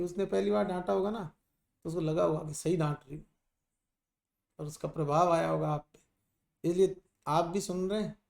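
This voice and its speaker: A man's voice: sits high, vocal fry, a little mellow. A middle-aged male teacher lecturing a class on ayurveda, teasing and scolding students while mixing in English terms.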